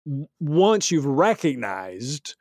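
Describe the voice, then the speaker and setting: A man's voice: fairly high pitch, big pitch swings, slow pace, a little mellow, no echo, studio quality. A man who works in workplace safety, talking casually on a podcast and acting out the reactions he quotes. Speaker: safety professional and co-host.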